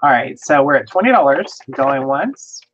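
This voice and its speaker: Brisk auctioneer calling bids, muffled. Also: medium pitch, lively intonation, fairly bright tone, a little hiss or hum. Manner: brisk, runs through bids quickly.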